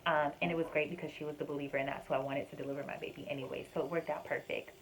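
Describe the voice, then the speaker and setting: A woman's voice: low-pitched, level tone, very fast, slight background noise, rough recording. A young woman casually recounting a personal story to her viewers, chatty, with frequent fillers and addressing them as "y'all". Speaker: vlogger sharing her birth story.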